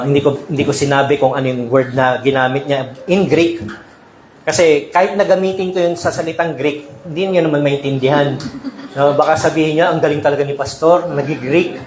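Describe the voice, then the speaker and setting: This sermon comes from a man whose voice sits on the high side, talking casually with his congregation in the sanctuary and switching between Tagalog and English. There's a little hiss or hum, and the hall sounds echoey with faint ambience.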